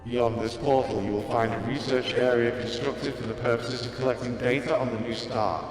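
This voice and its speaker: Man playing a clipped, emotionless game robot unit, mid-pitched, heavy room echo. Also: fairly even intonation, moderate pace, soft background music, natural voice. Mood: flat. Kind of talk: fan voice-over of game dialogue. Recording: very echoey room with long reverb.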